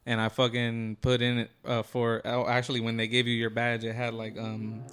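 A man's voice: medium pitch, completely flat delivery, moderate pace, a bit bright. A man from New co-hosting a casual podcast, telling rambling stories in a laid-back way. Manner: laid-back storyteller, rambling with fillers and restarts. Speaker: podcast co-host. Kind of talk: casual chat.

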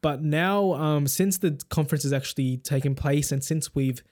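A man's voice: on the high side, moderate pace, a little mellow. A young man hosting a casual tech podcast, rambling and joking with lots of fillers. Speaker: podcast host.

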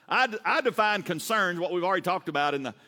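A man in his late fifties with a Southern US accent, a pastor preaching a sermon fast and animated, asking the congregation questions. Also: sits high, long reverb tail. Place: church sanctuary.

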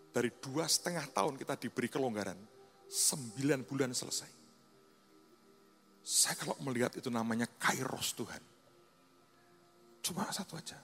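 A man with a Javanese-tinged Indonesian accent, preaching a sermon as a pastor and telling stories with lively, acted-out voices. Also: mid-range voice, vocal fry. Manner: animated storyteller, acts out quoted voices. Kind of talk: sermon storytelling. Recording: long reverb in a large hall with faint music.

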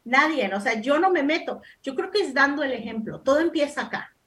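High-voiced woman giving firm advice. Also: expressive, brisk, a bit bright. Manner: firm, emphatic, repeats points for stress. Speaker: talk show panelist giving advice. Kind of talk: casual advice talk.

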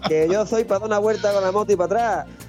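Joking Andalusian man, higher voice, music behind. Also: very fast, a little mellow. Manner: joking, teasing banter with laughter. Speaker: podcast co-host. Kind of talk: casual chat.

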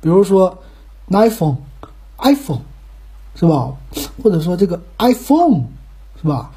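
A man from Northeast China hosts his podcast in loose, folksy chat, tossing out rhetorical questions as he goes. His voice is husky and mellow, with a Northeastern Mandarin accent. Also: sits high, a little fast. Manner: chatty, folksy, musing aloud with rhetorical questions. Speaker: podcast host. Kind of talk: casual chat.

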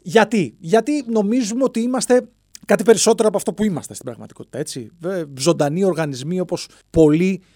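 A man's voice: high voice, expressive, dark tone, no echo. A man hosting a solo comedic podcast, rambling playfully from one bit to the next and slipping into silly voices, alone in a studio. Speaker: podcast host.

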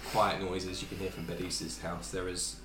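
A man's voice: low voice, little pitch movement, moderate pace, roomy sound. A man narrating a tabletop game as game master, easygoing and correcting himself as he goes. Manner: easygoing, self-correcting narration with frequent throat clearing.

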